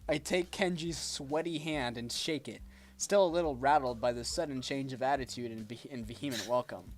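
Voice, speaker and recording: Male streamer, mid-pitched, loose and unpolished game read-aloud. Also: moderate pace. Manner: casual, unpolished reading with self-corrections. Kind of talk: reading a visual novel aloud.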